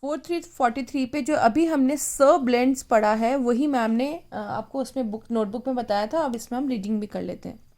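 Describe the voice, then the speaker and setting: A woman's voice: a little high, normal speed, darkish tone. A woman teacher with an Indian accent leads a phonics lesson for children, repeating each blend sound and mixing Hindi with English words.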